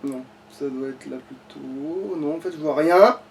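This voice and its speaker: Playing a game, a streamer offers laid-back commentary full of swearing and grumbling. The voice is mid-range and unhurried, picked up by a distant mic over background game music.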